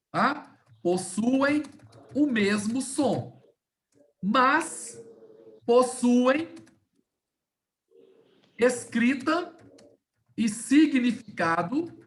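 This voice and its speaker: A woman teacher giving a class over a video call. She explains step by step, slows down to stress key words, and keeps checking that her students are following. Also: fairly high pitch. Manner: didactic, checks in often with "tá?" and "né?". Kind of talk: online class lecture.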